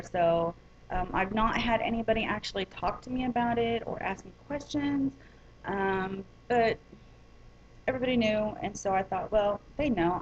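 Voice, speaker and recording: A woman's voice: medium pitch, muffled recording, a little hiss or hum. A woman vlogger telling a personal story in a casual, rambling way, with many ums and restarts.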